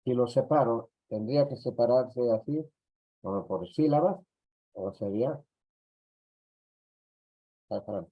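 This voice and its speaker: A Peruvian man teaching an online class, talking slowly and checking in with short tag questions. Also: mid-range voice, husky. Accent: Peruvian Spanish. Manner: slow, repetitive, tag questions. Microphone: computer mic on a video call. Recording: dull lo-fi audio.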